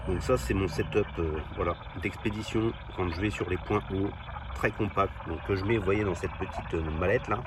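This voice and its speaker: A man with a fairly low voice, host of a CB radio hobby vlog, casually demonstrates his gear to the camera. He's informal and down-to-earth, often tagging his phrases with "hein." The field recording carries clearly audible background noise.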